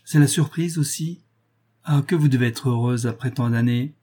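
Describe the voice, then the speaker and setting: A man's voice: mid-range voice, moderate pace, husky, lightly acted. A man reading an eager young daughter. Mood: affectionate. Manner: warm and eager.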